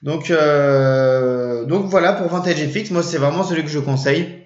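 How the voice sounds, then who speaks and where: A man's voice: fairly high pitch, moderate pace. A man casually explaining to his viewers, hesitant and full of fillers and restarts. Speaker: trading channel host. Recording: roomy, dull lo-fi sound.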